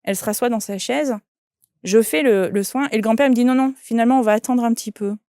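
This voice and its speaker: A woman's voice: fairly high pitch, quick pace, mellow, dry recording, clean studio sound. A woman, a shaman and medium, telling an anecdote in an interview and quoting the people in it. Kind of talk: interview storytelling.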